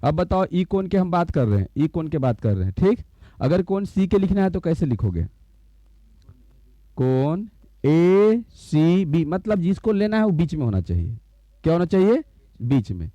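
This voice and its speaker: Brisk and very animated, a man with a mellow voice on the high side delivers a slow blackboard explanation in a school maths lesson. He repeats every term and keeps questioning the class to check that they've understood, in a dull, lo-fi recording with no echo.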